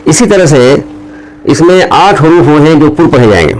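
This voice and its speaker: A man teaching how to pronounce Arabic letters, drawing out each letter slowly between explanations. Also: on the high side, animated, a little mellow, poor audio. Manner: slow, drawn-out letter recitation between explanations. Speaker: Quran teacher. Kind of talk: recorded teaching lesson.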